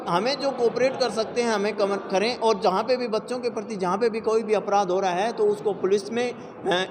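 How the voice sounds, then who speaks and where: A man, a child protection official, giving an interview statement with many hesitations and fillers. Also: sits high. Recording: reverberant hall with loud noise.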